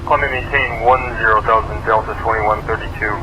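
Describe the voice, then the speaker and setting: A man speaking as an airline pilot over a cockpit radio transmission, giving clipped, flat readbacks. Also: fairly low pitch, brisk, lo-fi sound. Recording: noisy radio channel, distant.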